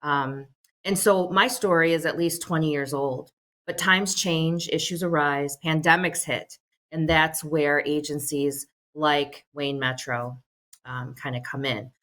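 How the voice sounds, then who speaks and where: Low-voiced middle-aged woman, earnest remarks. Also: fairly even intonation, a little slow, a bit bright. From United States. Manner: earnest, many "um" fillers. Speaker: social services agency leader. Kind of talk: prepared remarks on a telephone town hall.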